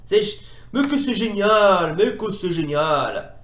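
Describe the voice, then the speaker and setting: Excitable man, echoey room. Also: sits high, slow pace. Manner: excitable, exclaims often, laughs, repeats himself. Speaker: retro game reviewer. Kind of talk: playing while commentating.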